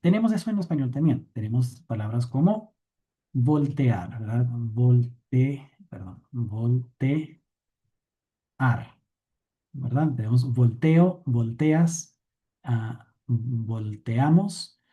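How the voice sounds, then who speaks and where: A man gives a recorded grammar lesson at a middle pitch. His tone is deeply mellow and relaxed. He works through each point step by step, pausing on fillers and often checking that the listener is following. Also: highs cut off. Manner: thinks aloud with fillers and self-corrections. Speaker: Greek grammar teacher.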